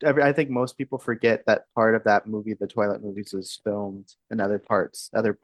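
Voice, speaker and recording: A woman in her thirties from Texas co-hosting a podcast, chatting in a relaxed, hesitant way with laughs. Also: extremely low pitch, brisk, dry recording. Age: 30s. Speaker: podcast co-host. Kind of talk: casual chat.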